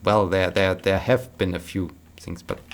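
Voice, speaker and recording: A man's voice: sits low, level tone, measured pace, slight background noise. A man chatting casually while playing a game, rambling and repeating words, tired but upbeat. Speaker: gaming vlogger.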